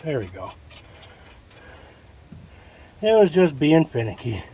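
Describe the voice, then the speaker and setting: A man casually narrating his own car project while he works on it, relaxed and chatty, sometimes breathing hard from the effort. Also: a little high, a little fast, vocal fry, husky. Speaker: DIY builder vlogging his project.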